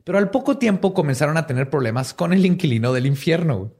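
A man's voice: fairly high pitch, lively intonation, fast talker, darkish tone, slightly rough. A man with a Mexican Spanish accent hosting a podcast, telling a story in a jokey, slangy way and laughing often. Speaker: podcast host. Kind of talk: casual storytelling chat.

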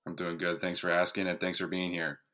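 A man's voice: sits low, flat delivery, fairly quick, pushed and bright. A man hosting a sports podcast interview, asking questions in an upbeat, friendly way.

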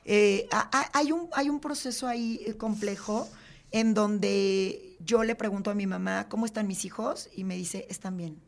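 A woman, a guest in an interview, telling a personal story in an earnest, halting way with many fillers and often dropping to a quiet, subdued voice. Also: mid-range voice, gravelly. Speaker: podcast guest.

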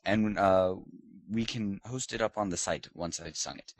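Hosting a comedic podcast interview, a man takes on the role of a pompous British lord with a fake British accent. His deep voice moves at a moderate pace with no room sound, and his tone is haughty, mock-posh and teasing.

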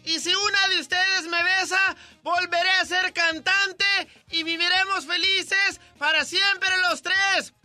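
A man squeaking as a chirpy cursed frog. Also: a little slow, no room sound, soft background music, exaggerated voice. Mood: eager. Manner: squeaky, excited, calling out. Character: chirpy enchanted male frog, cursed singer.

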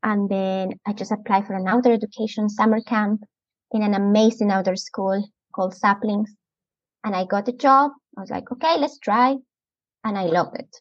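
An enthusiastic Ecuadorian outdoor preschool educator in her thirties talks as an interview guest in a casual chat, laughing often. She has a mid-range voice, a moderate pace, and a Latin American Spanish accent, captured in a dry but muffled, lo-fi podcast recording.

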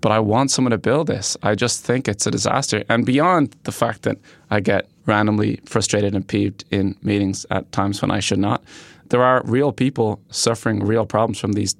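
A man in casual podcast banter, pitching an idea in an emphatic, mildly exasperated way. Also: steady tone, moderate pace, creaky, no room sound.

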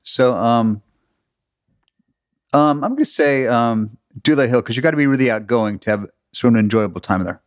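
A man's voice: medium pitch, normal speed, no room sound. Easygoing middle-aged man co-hosting a podcast. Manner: easygoing, dry humor. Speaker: podcast co-host. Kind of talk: casual chat.

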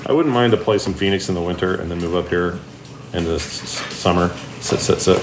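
American guy, middle aged, low voice, jokey podcast chat, echoey kitchen with some noise. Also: brisk. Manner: teasing, joking. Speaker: podcast co-host. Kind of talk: casual chat. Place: home kitchen.

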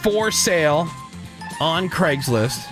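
Over a music bed in a radio studio, this American-accented morning host jokes around and runs a phone-in contest. He speaks slowly but animatedly in a fairly high voice, and the recording is rough.

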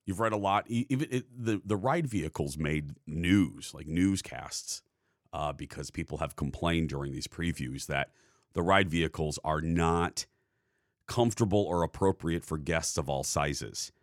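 Podcast co-host, male, deep voice, dry close mic, easygoing banter with lots of "uh.". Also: measured pace, dry recording. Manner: chatty, laughs easily, frequent fillers. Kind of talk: casual chat.

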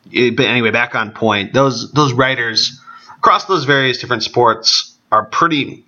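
A man with a gravelly, allergy-congested voice talking casually on his own as a sports podcast host. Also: mid-range voice, sharp tone. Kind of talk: casual solo podcast talk. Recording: dull, band-limited podcast audio.

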